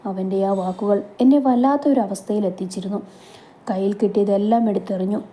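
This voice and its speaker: A woman storyteller narrating a romantic story in a soft, emotional way. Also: medium pitch, fairly quick.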